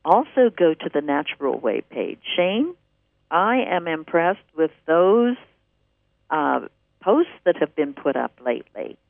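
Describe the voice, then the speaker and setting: A man's voice: on the high side, big pitch swings, measured pace, vocal fry, dry recording. A man hosting a radio show, chatting enthusiastically and rambling as he plugs classes and articles. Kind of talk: casual promotional radio talk. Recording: narrow dry phone-like radio audio.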